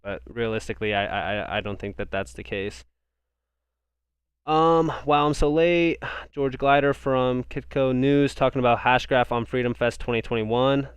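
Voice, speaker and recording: A man's voice: mid-range voice, normal speed, clean tone, no echo. A young man from the United States hosting a crypto live stream, reading viewer comments and answering in a casual, rambling way, often repeating words. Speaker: crypto livestream host.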